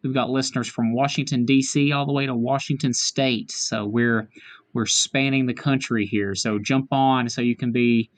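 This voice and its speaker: A man's voice: mid-range voice, fairly even intonation, moderate pace. A man hosting a casual chat podcast in a small room, joking and plugging the show. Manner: jokey, wraps up with plugs. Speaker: podcast host.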